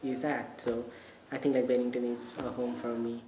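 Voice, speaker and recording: In an echoey room with background noise, a young man speaking with a Nepali accent gives casual interview answers, hesitating as he looks for words. He's a college student, and his medium-pitched voice is mellow and level at a moderate pace.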